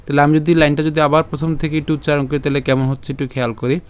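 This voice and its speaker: A Bengali-accented man teaching Sanskrit verse pronunciation, breaking words into syllables, repeating them slowly and answering his own questions. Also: on the high side, level tone, clear, resonant tone. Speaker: Gita recitation teacher. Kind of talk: slow syllable-by-syllable pronunciation lesson.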